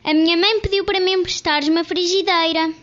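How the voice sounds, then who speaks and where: Woman putting on a little girl voice, very high and squeaky, greedy fibber, storybook reading, dull lo-fi radio sound. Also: fairly even intonation, fairly quick, a bit bright. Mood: calling, eager. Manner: high childish calling voice.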